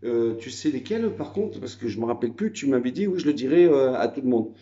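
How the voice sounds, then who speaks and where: In a rambling, filler-heavy phone video from his house in the countryside, a French vlogger talks fast and expressively. His voice is medium-pitched and dark, with the highs cut off.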